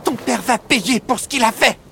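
A man's voice: on the high side, moderate pace, background noise, voice pushed up, close to an everyday voice. A man voicing a proud, fierce dragon boy in a storybook reading, stern and commanding. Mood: furious.

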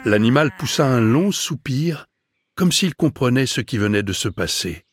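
A man narrating a children's fantasy audiobook in a measured, expressive way. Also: medium pitch, husky.

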